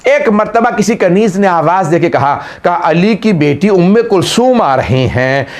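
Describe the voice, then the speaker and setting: Male cleric, high voice, emotive majlis storytelling sermon. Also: lively intonation. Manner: emotive storytelling preacher, drawn-out recitation. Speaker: Shia cleric. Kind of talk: Muharram majlis sermon with lament.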